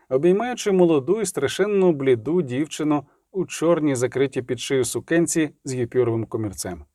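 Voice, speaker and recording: A man reading an audiobook in a measured, expressive narration. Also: medium pitch, no echo, studio quality. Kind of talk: scripted narration.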